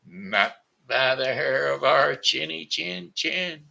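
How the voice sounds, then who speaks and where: A man voicing a frightened little pig in a storybook tale, in a high, panicky voice. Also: expressive, takes it slowly, creaky, bright, forceful tone, full character voice. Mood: pleading. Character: scared squealing little pig.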